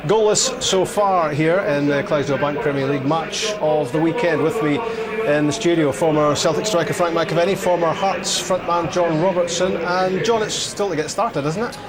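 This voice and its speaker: A man's voice: on the high side, moderate pace, a loud crowd. A man presenting live football coverage from a studio, linking to his guests. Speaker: sports broadcast presenter. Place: television studio.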